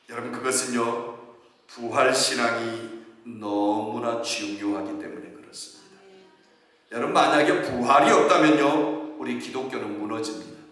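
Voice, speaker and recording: Male pastor, high lively sermon voice, distant, big echoey sanctuary. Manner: animated preaching, rising to shouts, often addressing the congregation. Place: church sanctuary. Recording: echoey hall, from far off.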